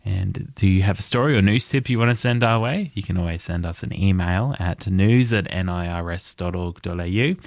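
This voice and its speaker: Low-voiced Australian man reading news. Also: gravelly, dry recording, studio quality. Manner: steady measured newsreader delivery. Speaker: news presenter.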